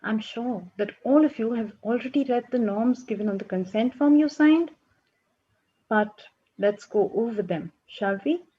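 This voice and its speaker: An actress playing a calm group counsellor who speaks in a gentle, measured way and murmurs encouragement. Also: female voice, a little high, breathy edge, lo-fi sound.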